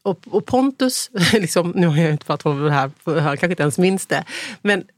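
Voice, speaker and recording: A woman's voice: fairly low pitch, animated, dry recording. A woman in her fifties, a podcast guest, telling a personal story in a reflective, vivid way. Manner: reflective, vivid, acts out quotes.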